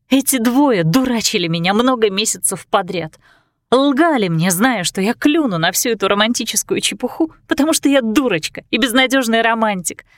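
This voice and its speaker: A woman's voice: mid-range voice, no room sound, clean studio sound. A woman narrating a first-person audiobook in an intimate, confessional way.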